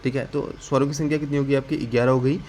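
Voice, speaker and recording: A man teaching an exam-prep grammar lesson, asking the class questions, answering them himself, and repeating key definitions slowly. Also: mid-range voice, little pitch movement, darkish tone, slight background noise.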